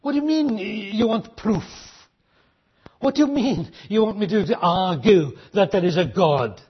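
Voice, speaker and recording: An animated preacher delivers a sermon in a husky, fairly high voice, pressing listeners with rhetorical questions and slowing way down on key phrases to hammer them home. The recording sounds dull and lo-fi.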